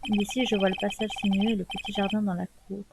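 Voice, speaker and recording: A woman hosting a let's play, reading the game's text aloud evenly and adding soft casual asides. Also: medium pitch, flat delivery, fast, vocal fry, heavy background noise. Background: game music.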